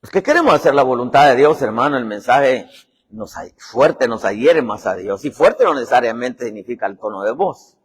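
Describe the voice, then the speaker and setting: A man's voice: mid-range voice, expressive, moderate pace, husky. A man preaching a sermon and telling a story, acting out the people in it as he goes. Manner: dramatic storytelling, voicing characters in quotes. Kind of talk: sermon with acted-out anecdote. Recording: long hall reverb.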